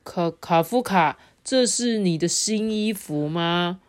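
Brisk loud storybook dad done by a mom, drawn out calls. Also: female voice, lowish voice, no room sound, lightly acted. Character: busy father, loud and brisk. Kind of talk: storybook read-aloud.

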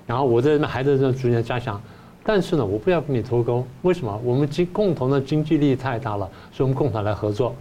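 An older man, a professor guest on a talk show. He gives animated analysis and acts out both sides in the first person. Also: mid-range voice, fast, dull audio, a little hiss or hum. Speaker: political science professor guest.

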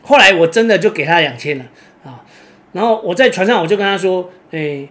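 A man with a Taiwanese Mandarin accent telling a personal story casually, rambling and filling pauses with drawn-out "oh"s. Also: high voice, lively intonation, fairly bright tone. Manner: rambling, fills pauses with drawn-out "oh"s, restarts words. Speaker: kitesurfer vlogger.

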